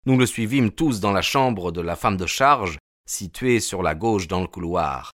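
A male narrator with a fairly low voice reads a classic detective tale in a measured, storytelling manner. The recording is close and dry. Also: expressive, a bit bright, no room sound. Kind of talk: scripted audiobook narration.

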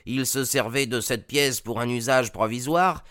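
A man voicing a vague, obliging landlord in an audiobook, hesitant and halting with fillers. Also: medium pitch, a bit bright, clear, resonant tone, no room sound, clean studio sound, natural voice. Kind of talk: audiobook character voice.

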